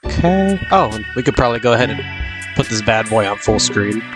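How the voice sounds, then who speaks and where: Over background music, a young live-stream host with a cold talks casually in a congested, sniffly voice, rambling with plenty of fillers and restarts. His pitch is fairly low, his intonation lively, and his pace fairly quick.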